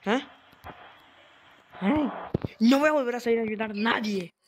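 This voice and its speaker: Woman host, fairly high voice, excitable game commentary, easily startled. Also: a little slow, noisy background. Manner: excitable, yelps and laughs when startled. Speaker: gaming channel host. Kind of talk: let's-play commentary.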